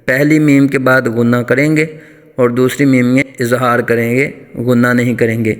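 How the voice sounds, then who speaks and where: A man teaching tajweed, explaining rules in quick speech and then chanting verses slowly and melodically. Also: medium pitch, little pitch movement. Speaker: Quran recitation teacher. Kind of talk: tajweed lesson with chanted recitation. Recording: long reverb, faint music.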